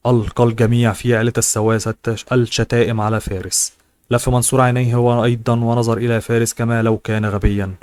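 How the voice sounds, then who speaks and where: A man narrating a serialized novel as an audiobook reader, brisk and even. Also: mid-range voice, clear, resonant tone, no room sound. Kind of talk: novel reading.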